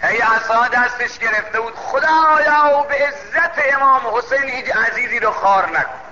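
A man preaching a sermon and telling a story, calling out loudly and then dropping to low asides. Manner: declamatory, swings between loud calls and low asides. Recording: dull lo-fi, long hall reverb, faint noise.

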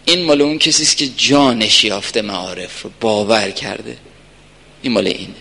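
A man giving an earnest religious lecture to a gathering, telling stories and swinging from soft asides to emphatic points. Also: fairly low pitch, vocal fry. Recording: reverberant hall.

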